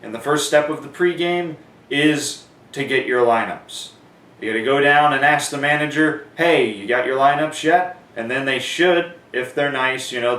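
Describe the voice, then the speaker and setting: This sports announcing instructor speaks in a mid-range voice with a fairly bright tone. He explains things step by step in a relaxed, conversational how-to session that includes demonstrations, recorded from afar in an echoey room.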